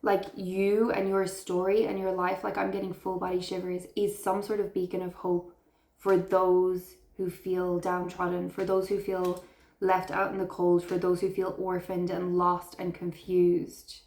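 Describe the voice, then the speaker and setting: A woman's voice: fairly low pitch, completely flat delivery, a little slow, darkish tone, echoey room. A woman giving an intuitive tarot reading to her viewers, speaking in an earnest, affirming way and heaping praise on them. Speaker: tarot reader.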